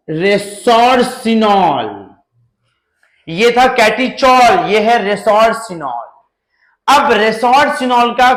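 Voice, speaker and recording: A male chemistry teacher with a high voice gives an animated lecture in an echoey room. He asks his class questions and answers them himself, and jokes as he goes.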